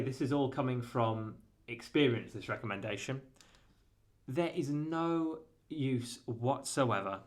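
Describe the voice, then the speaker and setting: A man giving a casual guitar lesson, rambling and correcting himself often, with lots of fillers. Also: medium pitch. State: has the hiccups. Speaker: guitar teacher.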